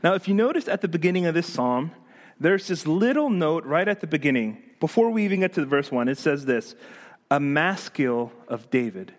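A male pastor preaching a sermon in an animated, emphatic way, acting out the voices of the people he quotes. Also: on the high side, moderate pace.

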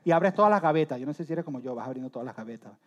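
Male preacher, voice a touch high, animated and humorous storyteller. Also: rapid-fire. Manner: talks straight to listeners with direct questions. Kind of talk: sermon.

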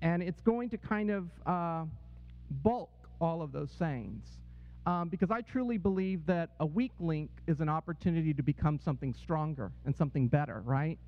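A man's voice: fairly high pitch, moderate pace. A man speaking to a congregation, telling a personal story and checking in with "right?" and "okay?". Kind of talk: testimony talk to a congregation. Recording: dull, echoey hall sound.

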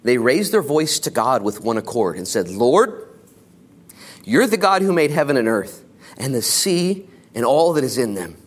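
An American man preaching an informal sermon as a pastor, exhorting in casual, slangy language and shifting between hushed and emphatic delivery. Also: medium pitch, sing-song, normal speed. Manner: casual, colloquial, exhorting, with slangy asides and acted-out quotes.

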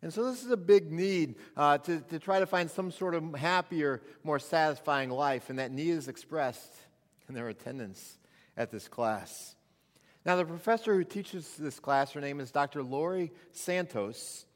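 A man's voice: a little high, animated, normal speed. Man preaching at a pulpit microphone, reverberant. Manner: conversational preaching with restarts. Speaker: pastor. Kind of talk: sermon. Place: church sanctuary. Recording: long reverb of a church hall.

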